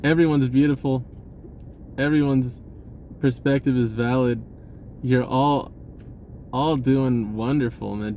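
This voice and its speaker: A spiritual vlogger with a dark-toned, medium-pitched voice delivers a relaxed, wandering talk over slight background noise. He keeps restarting his sentences and chuckles from time to time.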